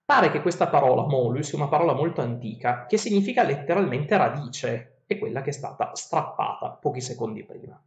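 A man's voice: medium pitch, lively intonation, brisk, hardly any pauses. A male teacher giving a video lesson, reading verses of an epic poem aloud and then explaining them in plain words. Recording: roomy, dull lo-fi recording.

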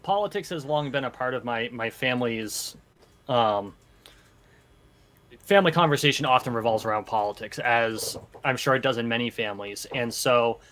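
A man in his thirties from Vermont, a guest explaining his background in a measured, articulate way over a video call from a home office. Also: medium pitch, fairly bright tone. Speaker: guest, political candidate. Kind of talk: conversational interview. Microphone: headset on a video call.

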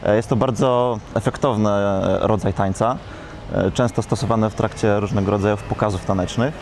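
A man's voice: lowish voice, fairly even intonation, brisk, darkish tone, a little hiss or hum. A young man, a dance workshop organizer, answering interview questions in a studio with many hesitations. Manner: explanatory, with many hesitation sounds. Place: studio set in a shopping mall. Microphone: lapel.

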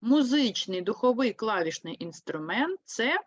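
Lively Ukrainian woman teaching young kids. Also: on the high side, no room sound, lo-fi sound. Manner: slow, clear, explains with lively emphasis. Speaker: primary school teacher. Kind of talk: online lesson for third graders.

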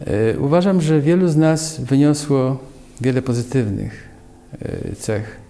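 A man's voice: medium pitch, unhurried, gravelly, dark tone. An older man, a former ship officer, speaking thoughtfully about his teacher in a documentary interview.

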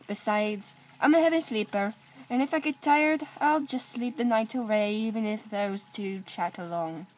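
A woman's voice: mid-range voice, darkish tone, lightly acted. A woman voicing a chatty, cheerful female steam engine who talks in a bubbly rush. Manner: bubbly, gossipy, rapid.

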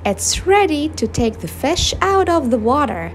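A woman teacher reads a children's story aloud at a very slow, careful pace. Her voice is high and lively in pitch. Faint background noise sits under the recording. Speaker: English teacher.

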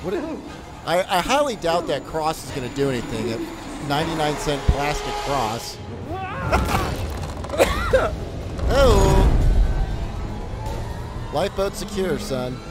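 A high-ish, animated male voice swings all over the place as he streams a horror game live, swearing freely and hollering at the screen. He calls his viewers son and dude. Game music plays clearly under him, picked up by his desk microphone. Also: moderate pace. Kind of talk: live gameplay commentary.

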